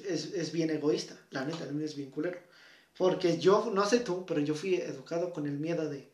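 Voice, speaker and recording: Young man, Mexican accent, high voice, slangy and profane, roomy echo. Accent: Mexican Spanish. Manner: profane, slangy, animated storytelling. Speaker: conversation partner. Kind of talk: casual chat.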